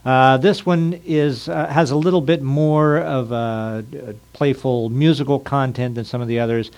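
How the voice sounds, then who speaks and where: A man's voice: mid-range voice, steady tone, normal speed, a little mellow. A man hosting a podcast who chats with a guest in an easygoing way and laughs often. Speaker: podcast host. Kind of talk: casual interview.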